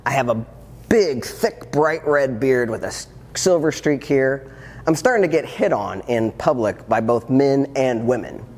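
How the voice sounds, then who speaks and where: Speaking unhurriedly, this fifty-something transformational coach shares his life story with a crowd, earnest and reflective with flashes of wry humor. His voice sits at medium pitch, expressive and slightly mellow, carried by long hall reverb over faint ambience.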